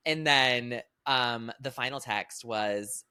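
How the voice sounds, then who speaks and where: A young man in his twenties co-hosting a podcast, chatting casually in an animated, expressive way and laughing often. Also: mid-range voice, slow pace, smooth. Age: 20s. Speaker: podcast co-host. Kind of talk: casual chat.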